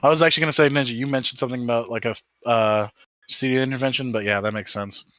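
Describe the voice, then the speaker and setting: A man's voice: mid-range voice, fairly even intonation, fast, fairly bright tone, no room sound. A man co-hosting a podcast, chatting casually with sarcastic, profane jokes. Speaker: podcast host. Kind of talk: casual chat.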